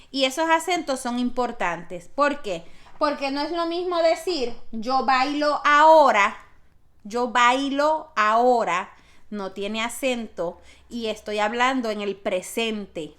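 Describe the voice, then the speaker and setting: A woman's voice: sits high, fairly bright tone. A woman teaching a grammar lesson, patiently explaining step by step with spoken examples. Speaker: Spanish teacher.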